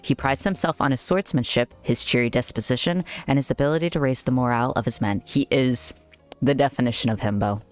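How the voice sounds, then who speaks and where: A young adult streamer with a mid-to-low, androgynous voice around 130 hertz. The delivery is chatty and giggly, moving between reading game text and casual reactions, with faint music behind. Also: fairly quick. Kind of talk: casual game livestream commentary and reading aloud.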